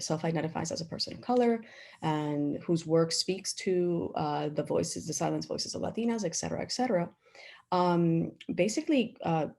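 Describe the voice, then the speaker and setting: Brief: earnest woman panelist, lower voice, reflective, video call. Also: a little mellow. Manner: reflective, earnest, tags points with "right?".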